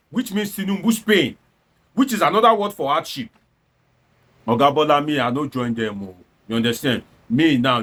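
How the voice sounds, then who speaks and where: With a Nigerian accent and a slightly high, fairly bright voice with a breathy edge, a man delivers informal satirical political commentary. He is theatrical and exclamatory, fires off rhetorical questions, and moves between standard English and Nigerian Pidgin.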